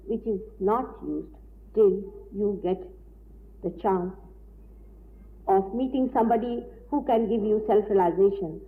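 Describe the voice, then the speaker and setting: A woman giving a deliberate, explanatory spiritual lecture, heard on an old tape recording. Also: medium pitch. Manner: deliberate, explanatory, with frequent pauses. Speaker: spiritual teacher. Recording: tinny old lecture tape with faint hiss.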